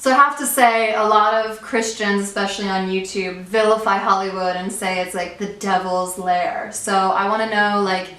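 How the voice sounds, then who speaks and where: A woman hosting a casual chat with a friend at home, chatty and quick to laugh. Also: mid-range voice, steady tone, bright, forceful tone, echoey room, poor audio. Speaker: host.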